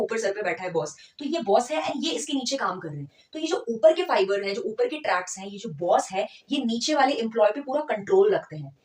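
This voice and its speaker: A woman's voice: a little high, a little mellow, far from the mic. A woman giving a physiotherapy lecture in a conversational teaching manner, often checking in with her listeners. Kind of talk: explanatory lecture, Hindi mixed with English terms. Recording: echoey room, voice from off the mic.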